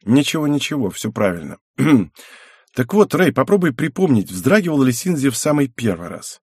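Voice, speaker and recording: A man voicing a calm, wry middle-aged clan head in an audiobook. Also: mid-range voice, moderate pace, breathy edge, no room sound, studio quality, voice pushed up.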